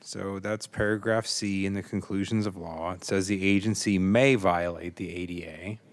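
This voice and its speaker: A middle-aged man, a judge, questioning from the bench in a precise, measured, pointed way. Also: sits low, fairly even intonation. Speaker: appellate judge. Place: large courtroom. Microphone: bench gooseneck microphone.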